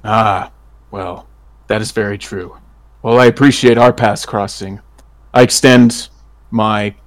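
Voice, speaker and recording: A man's voice: fairly low pitch, fairly even intonation, slow pace, no echo. A man playing a polite, honourable werewolf traveler in a tabletop game, speaking in a formal, solemn way. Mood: reflective. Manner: formal, deferential. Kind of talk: tabletop role-play character acting.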